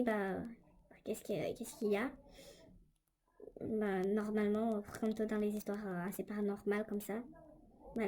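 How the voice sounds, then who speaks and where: Recorded indoors on a tablet mic, this young female vlogger chats her way through a story, hesitating and using lots of fillers. Her voice sits a little high and has a dark tone.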